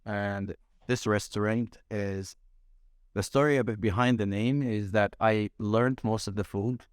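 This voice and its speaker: Unhurried and steady, a young Palestinian man speaks in a smooth voice on the low side, captured in clean studio sound with no room noise. He owns a restaurant and is interviewed casually in a small room there, frequently restarting as he hunts for words.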